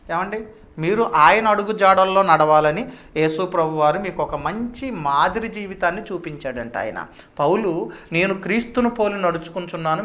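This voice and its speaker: A man preaching a sermon as a pastor, fervent, rising to loud declamation as he addresses listeners as children. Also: on the high side.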